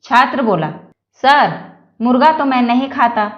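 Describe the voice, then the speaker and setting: A woman reads jokes aloud at an unhurried pace. Her voice sits high, and the room around her is echoey. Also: animated, dull audio. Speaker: joke reader. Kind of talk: reading Hindi jokes aloud.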